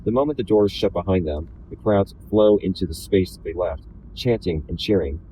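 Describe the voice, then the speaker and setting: A man reading a first-person novel aloud in a deliberately flat, slightly robotic delivery. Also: deep voice, slight background noise, rough recording. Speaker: reader.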